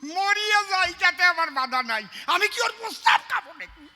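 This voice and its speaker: A man voicing a simple, indignant village man who protests loudly and whines. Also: very high voice, animated, fairly quick, creaky, slightly rough, exaggerated voice. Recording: long reverb.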